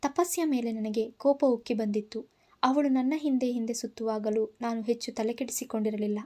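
A woman narrating a story in an expressive, dramatic reading. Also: a little high, normal speed.

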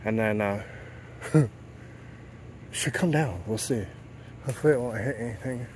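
A man's voice: medium pitch, normal speed, a little mellow, slight background noise, poor audio. A middle-aged man talking casually while filming himself outdoors, explaining his work as he goes. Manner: plainspoken, thinks aloud while explaining work. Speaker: off-grid homesteader and sailor. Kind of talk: casual outdoor vlog narration. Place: outdoors in woods and at a marina. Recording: music playing under the voice.

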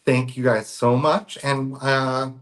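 A man's voice: mid-range voice, flat delivery, takes it slowly, a bit bright. A man co-hosting a casual live sale stream, easygoing and joking with his co-host and viewers. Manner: easygoing, joking, friendly sign-offs.

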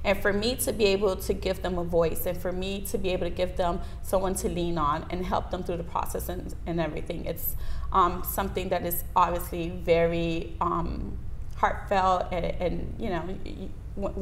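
The interview guest is a lawyer from Miami, United States, talking through her answers in a conversational way from a desk in a small indoor studio. Her lowish voice is flat and moderately paced, and her lapel mic captures a noisy room.

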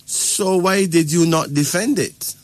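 Speaking slowly in a high voice, a Barbadian spiritual advisor lectures his listeners in a casual advice talk, frequently asking "right?" or "okay?". There's no echo on the audio.

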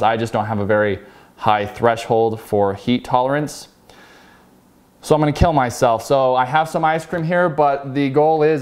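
A man's voice: mid-range voice, darkish tone. A man talking casually to camera in a vlog, hesitant and self-deprecating. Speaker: YouTuber.

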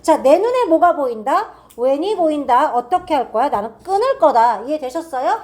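A high-voiced woman with a lively, swooping delivery runs a grammar class. She keeps checking in with her students and reads each example sentence slowly and carefully. She is recorded in a classroom. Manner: quizzing students with quick repeated checks. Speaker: English teacher at a cram school.

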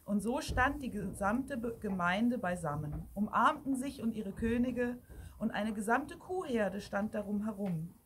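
A woman reading a Christmas fairy tale aloud in a lively, expressive storytelling manner. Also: mid-range voice, unhurried, a little hiss or hum. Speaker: audiobook reader.

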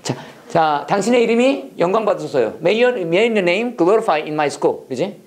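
Animated, question-firing prayer-English instructor. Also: mid-range voice. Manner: lively, coaxing, asks the class questions and has them repeat; switches between Korean explanation and slow English model phrases. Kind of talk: classroom lecture with call-and-response drills. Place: classroom with students answering.

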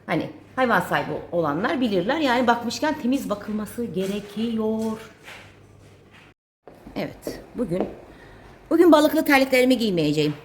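A woman's voice: on the high side, sing-song, normal speed, a little mellow, a little hiss or hum. A woman vlogging casually as she cleans and gardens, chatting to her viewers, her pets and her plants. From Turkey. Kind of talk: casual chat while doing chores. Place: home and garden.

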